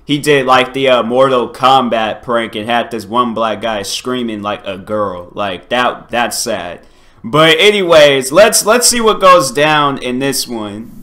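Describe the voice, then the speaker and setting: A man's voice: mid-range voice, a little slow, sharp tone. A young man hosting a reaction video, chatting casually and informally. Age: young adult. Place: home kitchen or dining area, indoors.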